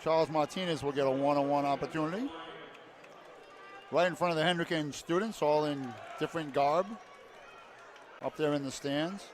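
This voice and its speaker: A man calling a high school basketball game play by play in short clipped phrases, rising to shouts on big plays. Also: moderate pace, long pauses. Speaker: play-by-play announcer. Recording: loud crowd and arena noise. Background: cheering crowd, bouncing basketball.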